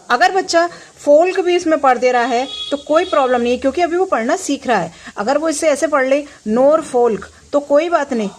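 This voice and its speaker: Patient woman spelling words slowly. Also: sits high. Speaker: teacher. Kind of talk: home tutoring lesson.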